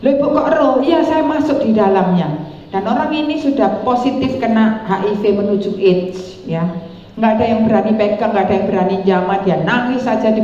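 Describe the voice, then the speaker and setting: Woman pastor, middle-aged, chatty testimony sermon, mellow tone; echoey church hall, dull sound. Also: medium pitch, a little hiss or hum. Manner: chatty, mixing in Javanese, acting out quoted voices.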